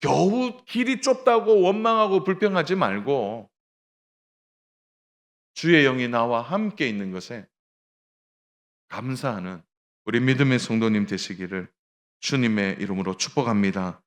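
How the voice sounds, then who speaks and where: Middle-aged male pastor, sermon delivery, animated pitch, acts out the dialogue in his stories. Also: moderate pace, pauses often. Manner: tells a story with acted dialogue, addresses the congregation directly.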